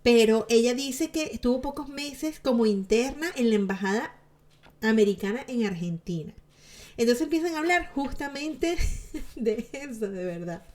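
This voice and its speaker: A woman's voice: fairly high pitch, expressive, moderate pace, darkish tone. A woman giving chatty, sarcastic commentary to her viewers, laughing often. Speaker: celebrity gossip vlogger.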